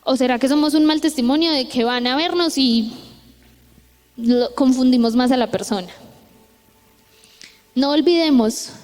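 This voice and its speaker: In an echoey church hall, a young woman from Colombia preaches to youth in a talkative, storytelling style. Her voice is high, her accent Colombian, and she keeps tossing in tag questions while she lively recounts events.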